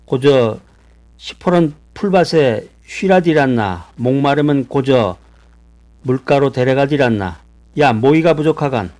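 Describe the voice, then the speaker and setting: A man's voice: mid-range voice, lively intonation, a little slow, a little mellow, close to an everyday voice. A man putting on a folksy Pyeongan-dialect reciter. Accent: Pyeongan dialect of Korean. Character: man reciting a psalm in northern country dialect.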